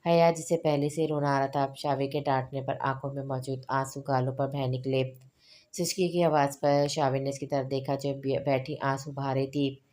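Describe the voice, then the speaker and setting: Brief: female audiobook narrator, low pitch, flat even delivery, measured pace. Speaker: novel narrator. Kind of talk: audiobook novel reading.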